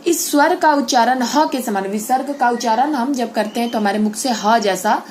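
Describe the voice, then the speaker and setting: A woman teaching an online Hindi grammar class, explaining step by step, saying example words slowly and checking in with the children. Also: fairly high pitch, a little mellow, a little hiss or hum. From India.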